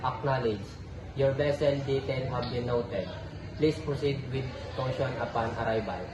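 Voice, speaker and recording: A man acting as port control, answering in formal marine radio procedure as if over a walkie-talkie, reading items out in order. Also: mid-range voice. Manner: measured, reads out items in order. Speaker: port control operator in a role-play. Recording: echoey room with clear background noise.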